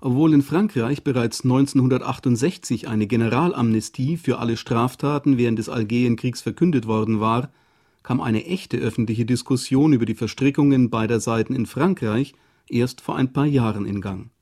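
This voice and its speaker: Male narrator, scripted documentary read, measured, mellow and dark. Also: medium pitch. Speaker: radio narrator.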